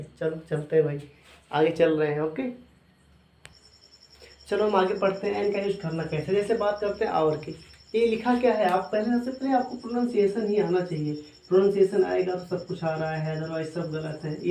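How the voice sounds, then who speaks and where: A male teacher with a high, darkish voice gives a classroom lecture, posing questions, answering them himself, and repeating them often. The recording sounds like an echoey room.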